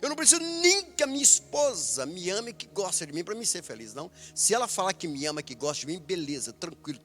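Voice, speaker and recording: A male pastor with a Brazilian accent preaching a sermon, emphatic and animated, laughing often. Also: high voice. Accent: Brazilian Portuguese.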